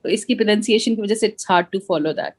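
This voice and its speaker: A woman's voice: mid-range voice, normal speed. A woman taking part in a study circle discussion, frank and casual, mixing in English phrases. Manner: frank, mixes in English words.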